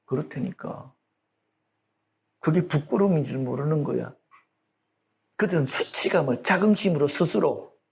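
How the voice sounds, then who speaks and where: Animated, gravelly-voiced male pastor. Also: on the high side. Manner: animated, blunt and colloquial, asks the audience for agreement. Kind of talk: sermon.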